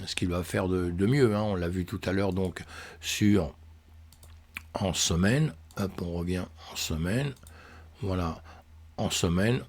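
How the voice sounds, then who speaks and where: A man's voice: low-pitched, slow, long pauses, darkish tone, breathy edge. A man hosting a trading channel, casually walking viewers through charts and thinking aloud with lots of fillers and friendly asides. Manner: tosses in "hein" and "mes amis", thinks aloud with many fillers. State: voice cracking, coughing. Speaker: crypto trading channel host. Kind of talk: casual chart analysis walkthrough.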